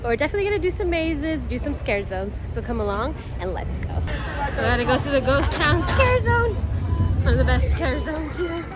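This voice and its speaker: A woman's voice: sits high, sing-song, moderate pace. A woman hosting a casual vlog at an outdoor theme park, filmed on her phone, chatty and upbeat with frequent laughs. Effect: phone video recording. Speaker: vlog host. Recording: phone video with loud music and crowd.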